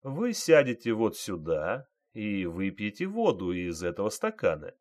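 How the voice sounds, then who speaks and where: A man doing a calm, probing interrogator. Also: on the low side, unhurried.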